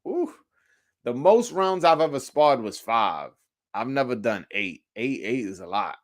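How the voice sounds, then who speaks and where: On a live sports call-in show, a male host answers commenters in casual, slangy talk full of swearing, often repeating phrases as he thinks aloud. His mid-range voice has a sing-song quality and a measured pace.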